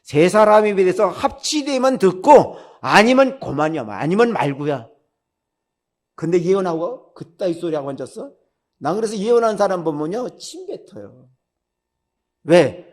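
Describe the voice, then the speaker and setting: A man's voice: high voice, animated, moderate pace. An older man, a retired pastor, preaching bluntly in a conversational way and firing off rhetorical questions. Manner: blunt, direct and scolding. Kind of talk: sermon.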